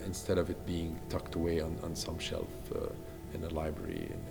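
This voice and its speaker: A man from Egypt speaks with a very low voice, walking through his design project in a calm, explanatory way. The room adds a long reverb tail. Music plays clearly underneath him. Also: a little fast. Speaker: architect. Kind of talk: documentary interview.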